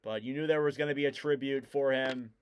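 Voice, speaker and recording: A man giving casual live play-by-play commentary on a hockey game, getting louder and keener on the big plays. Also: mid-range voice, fairly even intonation, a little fast, clear, resonant tone.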